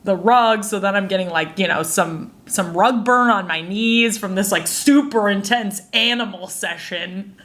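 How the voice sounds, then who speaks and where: A woman in her twenties hosting a casual solo podcast. She tells stories in an animated, exasperated way and laughs often. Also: medium pitch, measured pace. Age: 20s. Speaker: podcast host.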